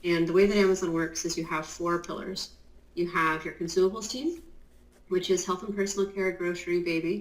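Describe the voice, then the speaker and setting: A woman's voice: on the low side, fairly quick. A woman in a casual interview explaining Amazon compliance work. She talks in a chatty, explanatory way with many fillers, in her just-woken morning voice. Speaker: guest, Amazon compliance consultant. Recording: roomy echo.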